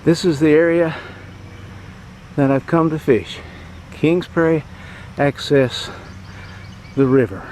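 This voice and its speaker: A man narrating a fishing trip outdoors by a rural creek in a plain, matter-of-fact, unhurried way, speaking into a handheld camera. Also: fairly high pitch, darkish tone, a little hiss or hum. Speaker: fishing vlogger. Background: insects and countryside ambience.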